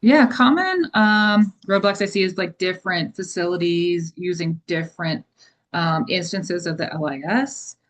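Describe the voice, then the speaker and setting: A woman presenting software in a webinar, explaining features casually with many fillers. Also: fairly low pitch, measured pace. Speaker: product presenter. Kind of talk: webinar demo and Q&A.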